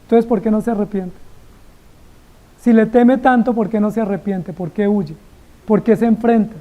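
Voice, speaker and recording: A woman's voice: mid-range voice, moderate pace, dark tone, rough recording. A woman preaching an expository sermon, dramatically acting out biblical dialogue and firing rhetorical questions at the congregation.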